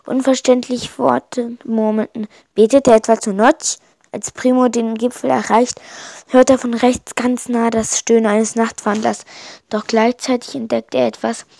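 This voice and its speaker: Woman storyteller, fairly high voice, expressive reading, dry close recording. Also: vocal fry, dry recording. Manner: expressive reading with small stumbles. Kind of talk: storybook narration.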